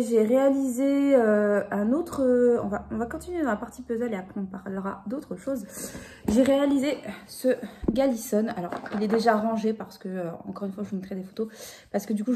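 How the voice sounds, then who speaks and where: A woman's voice: fairly high pitch, warm tone. A woman in her thirties chatting casually at home in a craft vlog, full of fillers and restarts as she shows her puzzles. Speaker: vlogger.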